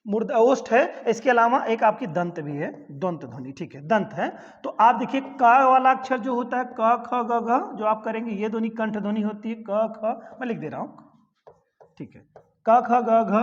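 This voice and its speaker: High-voiced man teaching Hindi, reverberant. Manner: addresses viewers as friends, repeats "ठीक है" often, recites letters one by one. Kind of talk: exam-prep grammar lesson. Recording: dull lo-fi sound with long reverb.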